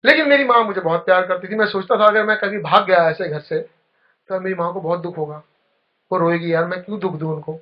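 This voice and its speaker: A motivational speaker talks a little fast, telling a personal story with feeling and dropping low and soft at the tender, touching moments. The recording is dull and lo-fi.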